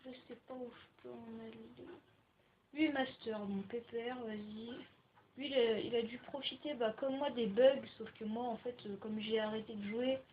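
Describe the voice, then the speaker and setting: A woman's voice: fairly high pitch, fairly even intonation, normal speed, dull audio, slight background noise. A young woman rambling casually through gaming commentary, with frequent filler words, into a home computer microphone. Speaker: gaming video maker.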